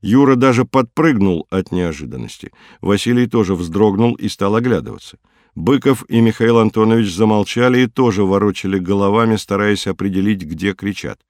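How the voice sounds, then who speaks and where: A man narrating an audiobook in a measured, even reading. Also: lowish voice, no echo, studio quality. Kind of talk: scripted narration.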